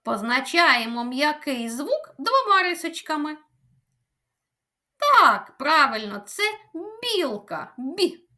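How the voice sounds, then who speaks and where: A woman from Ukraine teaches small children how to speak, drawing out each word in a sing-song voice. Her tone is bright and high, and her pitch rises and falls a lot. She talks slowly and carefully, the way a preschool teacher does. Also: big pitch swings. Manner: slow, sing-song teacherly delivery, stretching words. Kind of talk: children's speech lesson.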